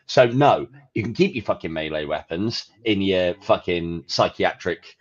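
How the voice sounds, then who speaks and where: A man co-hosting a podcast, chatting casually and profanely about games with an animated, ranting manner. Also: low-pitched, measured pace, dull audio. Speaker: podcast co-host. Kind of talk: casual gaming chat.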